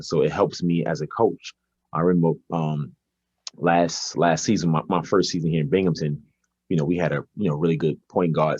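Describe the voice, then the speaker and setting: The voice sits low, a little mellow with a breathy edge, belonging to a Brooklyn basketball coach in his 40s. He responds to interview questions in a conversational way, stalling and repeating words as he thinks. There's no room sound, and the audio is dull.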